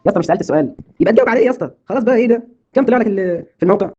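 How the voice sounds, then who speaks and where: A man's voice: sits high, expressive, rapid-fire, dark tone, dull audio, slight background noise. A man with an Egyptian Arabic accent, exasperated and insistent, in a comedic skit.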